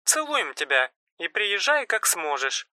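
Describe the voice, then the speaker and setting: A man's voice: high-pitched, big pitch swings, a little slow, no room sound, clean studio sound, voice pushed up, exaggerated voice. A man reading an audiobook, voicing a chatty, caring mother phoning her grown son. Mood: fond, fussing. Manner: soft, fussing and affectionate. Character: caring, chatty middle-aged mother on phone. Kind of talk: audiobook narration.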